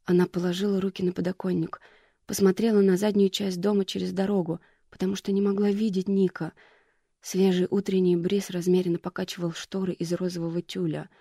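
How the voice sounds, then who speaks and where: An audiobook narrator reading a thriller chapter in scripted narration with a steady, even delivery. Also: medium pitch, a little fast, creaky, no room sound, studio quality.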